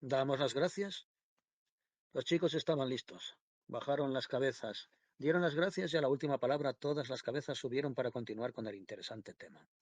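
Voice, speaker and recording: Man calmly reading a novel aloud. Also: medium pitch, fairly quick, dry recording. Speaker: audiobook reader. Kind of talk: scripted literary narration.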